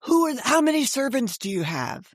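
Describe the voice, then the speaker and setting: Her voice is high and very animated, moving at a moderate pace in a dry, studio-quality recording. As a guest in an interview, this author and storyteller rambles through anecdotes in a chatty way, performing others' lines as she tells them, all in relaxed, spirited conversation.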